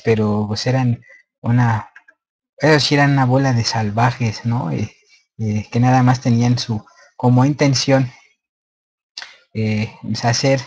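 A man's voice: mid-range voice, darkish tone, husky, muffled recording. A man presenting a slide lecture in casual unscripted speech, hesitant with many fillers and restarts.

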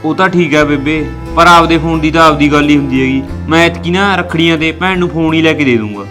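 A man's voice: fairly high pitch, fast, over music. A man with a Punjabi accent acting in a village family drama, reassuring his mother in an earnest way. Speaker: son talking to his mother.

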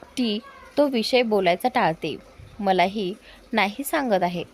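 A woman's voice: mid-range voice, slow, darkish tone. A woman voicing a teasing, bossy young best friend in a spoken love story. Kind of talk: storybook character voice.

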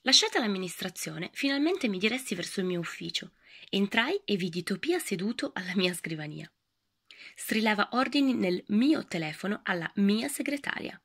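A woman reading a children's book aloud in a lively storytelling voice that often drops to a whisper. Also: medium pitch, moderate pace, vocal fry, slightly rough.

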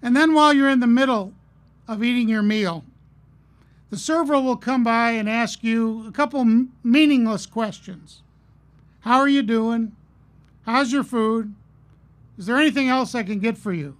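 Middle-aged man giving a graduation speech. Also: very high voice. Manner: earnest, storytelling, measured pauses. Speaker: commencement speaker. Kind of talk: commencement address. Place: outdoor stage at a podium. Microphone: podium mic on a stand.

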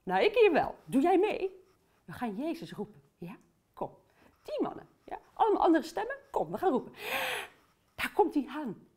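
Woman as a chatty cheerful aunt, very high voice, swoops up and down, playful children's Bible storyteller. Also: wildly swooping pitch, normal speed, a little mellow.

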